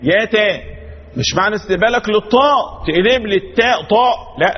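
A man's voice: high-pitched, animated, quick pace, long reverb tail, muffled recording. A man with an Egyptian accent teaching Quran recitation to a class, emphatic and repetitive as he drills the rules and corrects his students.

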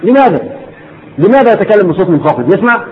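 A man's voice: high-pitched, very animated, fast. A man with an Egyptian accent giving an Islamic lesson to a class, repeating his points and firing rhetorical questions at his listeners. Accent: Egyptian Arabic. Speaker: religious teacher. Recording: dull lo-fi recording, faint noise.

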